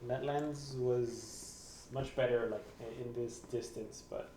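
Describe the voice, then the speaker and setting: A man's voice: medium pitch, steady tone, takes it slowly, dark tone. A man chiming in on a casual film commentary. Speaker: crew member on commentary. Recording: roomy echo, faint background noise.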